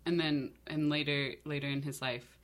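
A woman's voice: sits low, fairly even intonation, normal speed. A woman from North Carolina in casual conversation, telling rambling stories with fillers and frequent laughter. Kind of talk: casual chat.

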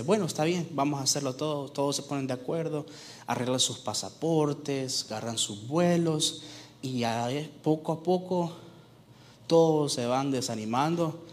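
A man preaching to a church congregation, telling an illustrative story and shifting between urgent and hushed, tender delivery. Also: fairly high pitch. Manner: storytelling preacher, slowing down and softening for tender moments. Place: church sanctuary. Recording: long hall reverb, faint background noise.

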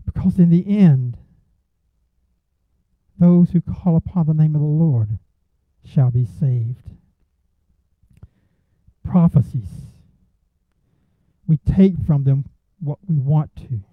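A man's voice: on the high side, takes it slowly, pauses often, dry recording. Male preacher, earnest sermon delivery building to emphatic peaks; dry, close sound. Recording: tinny phone-like sound, dry.

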